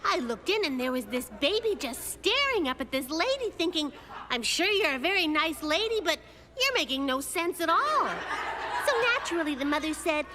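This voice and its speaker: High-pitched, perky Little Lulu. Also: female voice, moderate pace, noisy background. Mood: wry storytelling. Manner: expressive, perky storytelling. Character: spirited, mischievous little girl. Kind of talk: animated children's cartoon acting.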